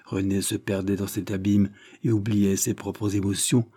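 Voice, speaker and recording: A man narrating a historical adventure novel as an audiobook, measured and dramatic. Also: fairly low pitch, little pitch movement, dark tone. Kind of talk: scripted narration.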